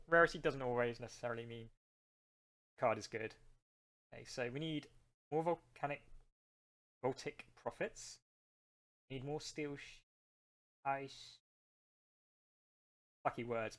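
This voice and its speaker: A man's voice: mid-range voice, fairly bright tone. A man streaming a card game live, chatting casually with his viewers and rambling between plays.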